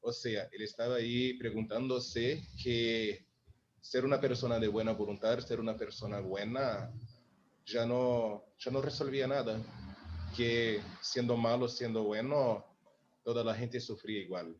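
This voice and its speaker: A man's voice: mid-range voice, steady tone, measured pace. A man teaching a lesson, explaining song lyrics line by line and checking in with his listeners. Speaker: Spanish-language teacher analysing song lyrics. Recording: dull lo-fi sound with faint noise.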